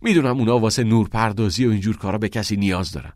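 A man voicing an eager, theatre-mad teenage boy who talks in quick, excited bursts. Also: on the low side, dry recording, studio quality, lightly acted.

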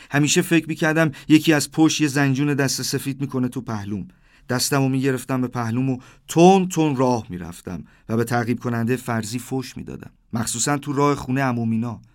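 A man in his thirties tells a dreamlike first-person story in a steady, mid-range voice. His delivery stays plain through the narration, then grows more animated whenever he voices the back-and-forth of the characters. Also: medium pitch. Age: 30s.

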